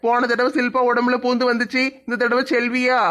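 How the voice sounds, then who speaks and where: A man's voice: extremely high pitch, monotone, a little fast, fairly bright tone. A man playing an exasperated husband who grumbles dismissively in a comedy skit.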